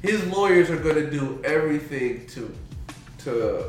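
A man co-hosting a casual podcast, talking in a blunt, excitable, profane way. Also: a little high, a little slow, soft background music. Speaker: podcast co-host. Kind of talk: casual chat. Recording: very echoey room, far from mic.

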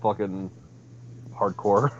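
Young dude with a lowish voice, rambles with lots of ums, kinda muffled mic. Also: male voice, steady tone, slow pace, slight background noise. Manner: rambling, profane, filler-heavy. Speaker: podcast co-host. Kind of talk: casual chat.

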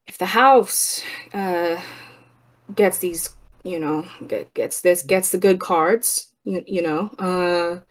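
A woman's voice: lowish voice, steady tone, takes it slowly, darkish tone. A woman playing a tabletop game in character, with sly, teasing banter. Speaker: player.

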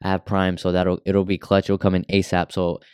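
A man's voice: sits low, monotone, brisk, darkish tone, clean tone, dry recording, clean studio sound. A young American man hosting a casual solo podcast, talking with newly fitted braces in a rambling, slangy, sweary way. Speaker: podcast host.

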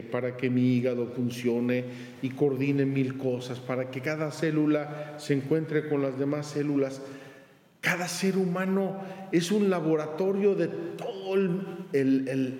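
A priest preaches a homily in a slow, unhurried way and tells his stories earnestly. His fairly high voice carries through a church with a long, roomy reverb. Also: a little mellow.

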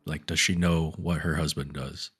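A man's voice: very deep voice, little pitch movement, moderate pace, fairly bright tone, breathy edge. A man playing a tabletop game, hesitant and full of ums as he asks questions in character. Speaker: player. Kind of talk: casual tabletop play.

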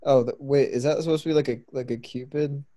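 A man's voice: mid-range voice, steady tone, fast talker, warm tone. Young guy guesting on a podcast, chill, keeps asking questions. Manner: easygoing, asks lots of questions. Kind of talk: casual chat.

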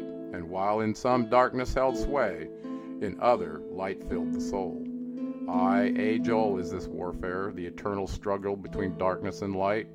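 A man giving a solemn, declamatory reading of an archaic mystical text, rising on each call and sinking low at the ends of lines. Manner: slow, intoning and declamatory, rising on calls and dropping low at line ends. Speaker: reader. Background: soft guitar music.

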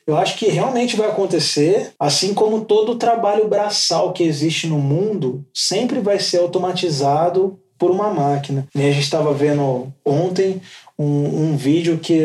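A man's voice: on the high side, normal speed, a little mellow. A man, a Brazilian tattoo artist, being interviewed on a podcast in a casual, slangy way full of fillers. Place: podcast studio. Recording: echoey studio with faint noise.

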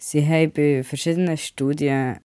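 Guy with a cold rambling on his podcast, mellow voice, dry close mic. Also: a little high, fairly even intonation, moderate pace, clean tone, dry recording. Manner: chatty, rambling, mixes in English words. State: has a cold. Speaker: podcast host. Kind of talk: casual solo podcast chat.

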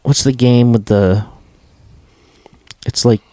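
A man's voice: mid-range voice, steady tone, slow, dark tone, no echo. A man co-hosting a casual podcast, rambling and searching for words, swearing freely. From rural area. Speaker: podcast co-host. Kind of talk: casual chat.

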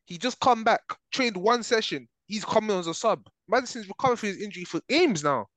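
Animated London roadman, slangy and emphatic. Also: high voice, a little fast, no room sound. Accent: London, urban street style. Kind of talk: heated casual football debate.

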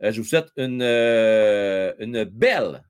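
A man's voice: fairly low pitch, lively intonation, slow, smooth. A man with a Quebec French accent hosting a casual live hockey stream, joking and reading viewers' comments aloud. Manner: chatty, jokey, reads viewer comments aloud, many fillers.

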